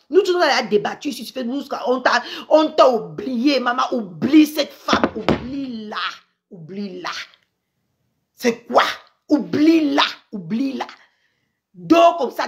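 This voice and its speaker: An upset woman vents on a phone livestream, exclaiming and repeating herself. Her voice sits high and leaps around wildly, jumping from sharp outbursts down to low grumbles. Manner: agitated, exclaiming, repeating herself, swinging between loud outbursts and low mutters. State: upset and angry. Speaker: social media livestreamer. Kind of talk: indignant Facebook live rant.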